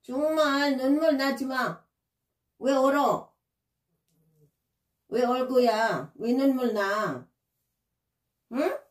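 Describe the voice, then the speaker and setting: A woman talks to her pet in a somewhat high voice, scolding it and repeating short commands over and over. She speaks very slowly. She is heard from across an echoey room, well away from the mic. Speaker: pet owner vlogger. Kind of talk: talking to a pet. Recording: roomy, from a distance.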